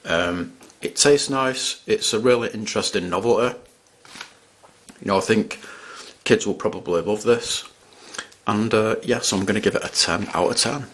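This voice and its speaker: A man's voice: lowish voice, a bit bright, a little hiss or hum. A man chatting casually as he reviews candy on camera, rambling and restarting his sentences. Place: at home in front of a camera.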